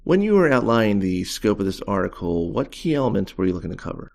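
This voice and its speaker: Gravelly-voiced podcast host asking questions. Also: male voice, lowish voice, sing-song, fast, a little mellow. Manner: polite, formal questioning. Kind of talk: interview questions.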